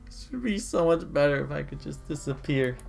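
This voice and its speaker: A man's voice: a little high, brisk, gravelly, a little mellow, faint music behind, pitched above the performer's own voice. Man voicing tearful anxious teen girl. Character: sad anxious teenage girl, shy and self-doubting. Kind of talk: reading visual novel dialogue aloud.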